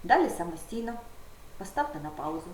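A woman's voice: medium pitch, big pitch swings, brisk, darkish tone. A woman teaching a primary school video lesson, patiently guiding the pupil step by step. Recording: roomy echo with faint background noise.

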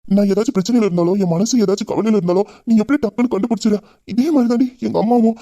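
Loving young husband voiced by a man, Tamil accent, quick, dark, close dry mic, romantic audio drama. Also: high-pitched, no echo, dull audio, natural voice. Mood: tender. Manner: intimate, heartfelt, rapid talk. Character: grieving young husband Veera, loving and tender.

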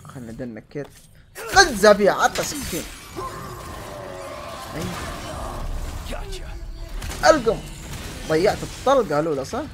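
A young man doing excitable let's play commentary and yelling at in-game enemies. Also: on the high side, normal speed, long pauses, music in the background. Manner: excitable, yells and curses at enemies. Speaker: gaming channel host.

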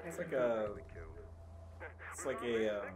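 A man's voice: medium pitch, takes it slowly, a crowd in the background. A young man chatting casually and playfully as he plays a game, joking along. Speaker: gaming player and commentator. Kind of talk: casual chat while playing.

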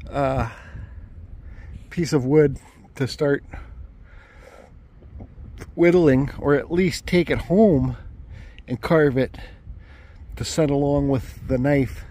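Driving on a road trip, a man talks to a dash-mounted phone camera in a somewhat high, warm voice, speaking slowly with frequent pauses. He rambles, corrects himself and swears occasionally as the car hums faintly in the background.

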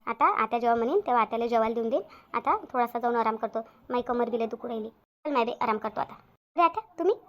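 A woman's voice: fairly high pitch, lively intonation, fast, a little hiss or hum, natural voice. A woman voicing a hardworking, patient young daughter-in-law in a cartoon, placating. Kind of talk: cartoon voice acting. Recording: dull lo-fi audio.

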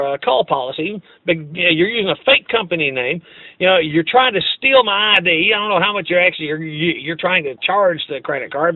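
A man with a high voice taunts the person on the other end of a phone call. He is mocking and insulting, with halting restarts. The recording is dry and somewhat dull. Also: no room sound. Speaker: prank call recipient.

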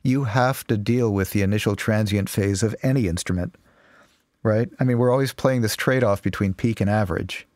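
Low-voiced man explaining mastering, dry sound. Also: darkish tone, no echo. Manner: measured, explanatory. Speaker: mastering engineer guest. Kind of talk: technical interview talk.

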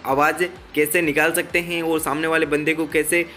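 A man's voice: fairly high pitch, flat delivery, normal speed, sharp tone, faint music behind. A man with an Indian accent giving a casual step-by-step phone tutorial, instructing viewers directly and often repeating himself. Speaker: tech tutorial host.

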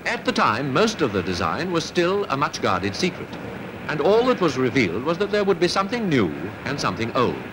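A man, narrating a 1950s newsreel in a crisp, declamatory announcing manner. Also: fairly high pitch, wildly swooping pitch, fairly quick, background noise.

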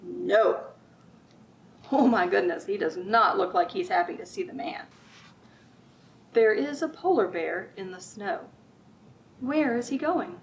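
Speaking at a measured pace in a mid-range voice with vocal fry and long pauses, a middle-aged woman reads aloud and chats with children at a library storytime. She uses simple wording and often poses easy questions to her listeners. The recording comes from a distant mic, with room noise audible, in a room full of bookshelves.

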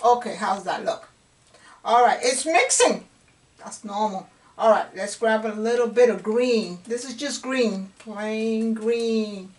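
Slow and on the high side, this middle-aged painting instructor chats encouragingly through a casual lesson. At times she falls to a whisper while working, with a distant camera mic catching faint room noise.

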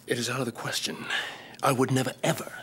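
An actor playing a glum, uptight middle-aged shop owner in a sitcom. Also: male voice, mid-range voice, level tone, fast talker, fairly bright tone, breathy edge. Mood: indignant. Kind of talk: sitcom acting.

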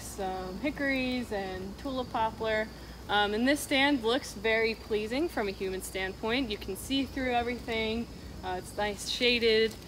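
A woman in her thirties, a wildlife biologist, explaining forest habitat outdoors in a steady, explanatory way, with a clip-on mic. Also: a little high, a little hiss or hum, poor audio. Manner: steady, explanatory, walking and pointing at plants. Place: forest clearing and woodland, outdoors.

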